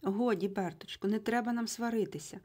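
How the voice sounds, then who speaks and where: A woman's voice: medium pitch, a little fast, warm tone, husky, voice pushed up, natural voice. Woman voicing a timid, stammering storybook father. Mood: pleading. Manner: stammering, pleading. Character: fussy kindly middle-aged father, timid.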